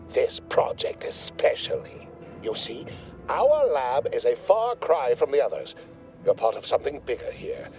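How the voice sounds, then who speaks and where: A pompous corporate lab boss from a video game, gushing buzzwords and talking down to everyone. His voice sits a little high and swoops all over as he lectures, with soft game music underneath. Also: full character voice, low-quality recording. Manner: verbose, condescending corporate jargon.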